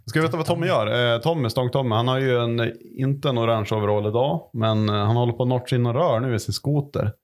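A man's voice: mid-range voice, few pauses. A man chatting casually in a podcast, rambling and swearing as he tells stories. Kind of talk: casual chat.

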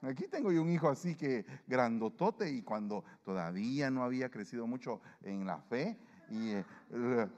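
A male pastor preaching to his congregation and leading communion, lively and acting out the voices of people he quotes. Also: medium pitch, normal speed, hardly any pauses, in a large hall, dull audio. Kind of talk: sermon and communion prayer. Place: church.

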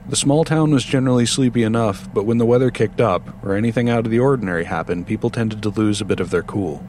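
A man reading a horror story aloud with steady, measured narration. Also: on the low side, a little hiss or hum.

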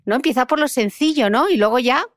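A woman's voice: high voice, fast, dry recording, clean studio sound. A woman hosting a podcast interview, chatty and personal, often ending points with "¿no?". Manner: chatty, personal anecdotes, tag questions "¿no?". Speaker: podcast host. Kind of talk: conversational interview.

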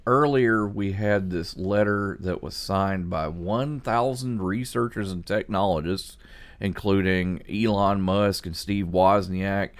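A man hosting a podcast, discussing news conversationally in a halting way, repeating words as he thinks aloud. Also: low-pitched. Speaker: podcast host.

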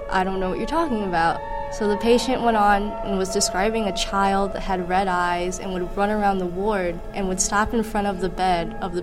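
A young adult woman, a student, casually telling a story in an informal way, often saying "like". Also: mid-range voice. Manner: informal, peppered with "like". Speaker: student sharing a family story. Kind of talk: casual anecdote. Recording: prominent music under the voice. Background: loud music.

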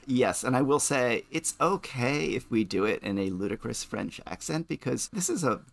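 A man's voice: mid-range voice, expressive, normal speed, vocal fry. A man co-hosting a podcast, talking things through thoughtfully and often restarting his sentences. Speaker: podcast co-host. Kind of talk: casual chat.

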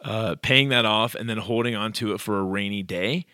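Sex: man. Role: podcast co-host. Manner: blunt, direct, casual. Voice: bright, sharp. Sound: dry, close mic. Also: lowish voice, moderate pace, dry recording.

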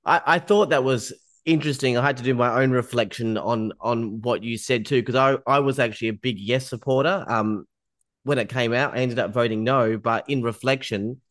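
A man interviewing a guest on a podcast, reflective and measured, with small restarts. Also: medium pitch, fairly bright tone, dry recording, clean studio sound.

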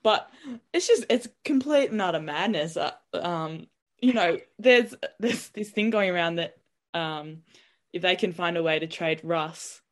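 A woman co-hosting a casual sports podcast, telling stories in an animated, exasperated way. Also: lowish voice, measured pace. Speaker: podcast co-host.

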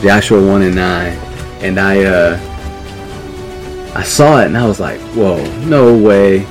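A man from New York, a podcast guest, telling a story in a casual, animated way, laughing as he goes. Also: deep voice, measured pace, over music. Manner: animated, acts out quoted voices, laughs mid-story.

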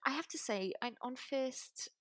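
A woman's voice: high voice, measured pace, a crowd in the background. A woman co-hosting a casual chat, talkative, laughing often and trailing off mid-sentence. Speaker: podcast co-host. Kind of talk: casual chat about skincare.

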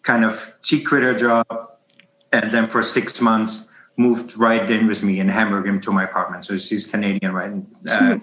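Speaking with a German accent, a man in his forties from Germany describes his life as a baking instructor in a casual interview, often restarting and drifting. His lowish voice shows little pitch movement, moves at normal speed and sounds fairly bright, in a reverberant, rough recording.

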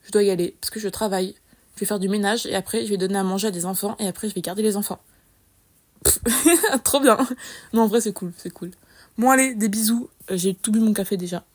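A young woman hosting a podcast, telling casual stories in a chatty, lively, slangy way with many fillers. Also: mid-range voice, quick pace. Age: young adult. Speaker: podcast host. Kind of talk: casual solo storytelling.

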